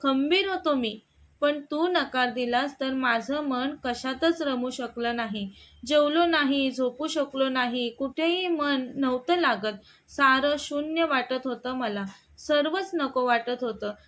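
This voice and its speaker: Stubborn hurt young husband in a spoken love story, woman reading him, slow and earnest. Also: high voice, a bit bright. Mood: tender.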